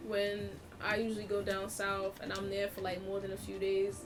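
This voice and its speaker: A young woman chatting on a podcast with joking, animated banter. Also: mid-range voice, moderate pace. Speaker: podcast co-host. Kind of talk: casual podcast chat. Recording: distant mic, noisy room.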